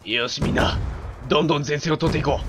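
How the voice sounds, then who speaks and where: A man doing game commentary while he plays, barking orders like a mock commander and shouting in rough slang. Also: fairly high pitch, fast, soft background music. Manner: loud, theatrical, bossy mock-commander banter. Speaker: gaming commentator.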